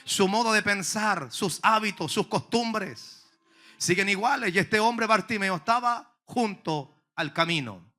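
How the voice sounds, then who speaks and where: A man's voice: high-pitched, a little slow, bright, forceful tone, soft background music. A man pastor preaching a sermon to his congregation, fervent and emphatic.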